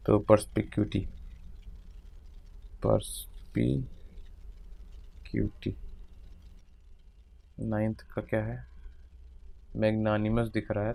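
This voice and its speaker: A man's voice: lowish voice, vocal fry, a little mellow. A man teaching English vocabulary in Hindi, working through a vocabulary exercise aloud and murmuring word lists half to himself.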